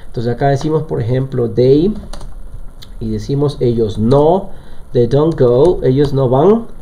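A man's voice: medium pitch, unhurried, warm tone. A man teaching a live online language lesson, explaining step by step and often checking in with his students. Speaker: English teacher.

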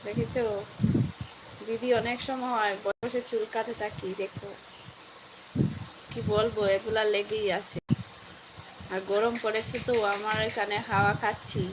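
A woman with a sore, hoarse throat, chatting live with viewers and asking warmly after them. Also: fairly high pitch, level tone, a little slow, long pauses, very noisy. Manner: caring, asks viewers how they are. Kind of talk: casual live chat reading viewer comments.

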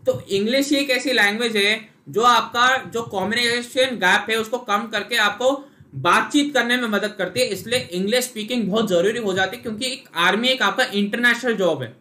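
A young Indian man who coaches for SSB interviews teaches a live online class, explaining patiently and calling on viewers by name. His voice is high-pitched and sharp, at a moderate pace.

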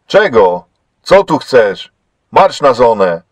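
A man voicing a cruel, hateful prison camp cook who barks his words gruffly, in a read-aloud story. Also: medium pitch, animated, normal speed, no echo, close to an everyday voice. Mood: rude, shouting. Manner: gruff and barking.

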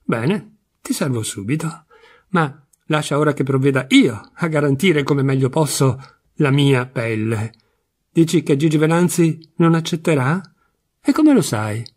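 A man's voice: on the high side, animated, unhurried, a little mellow. A man reading as a sly, sardonic husband. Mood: irritated. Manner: sardonic, teasing, half-mocking. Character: sly, weary middle-aged husband, ironic. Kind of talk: literary audiobook reading.

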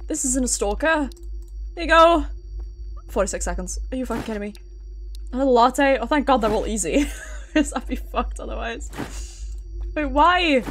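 A woman's voice: sits high, lively intonation, normal speed, long pauses, a little hiss or hum. A British woman streaming a horror game, panicky and given to swearing and repeating herself. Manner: panicky, repeats phrases, swears, nervous laughter. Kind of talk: live horror game commentary.

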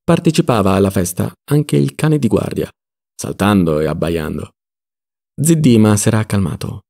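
Low, gravelly male audiobook reader. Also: moderate pace. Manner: expressive, dramatic reading. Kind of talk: literary audiobook narration.

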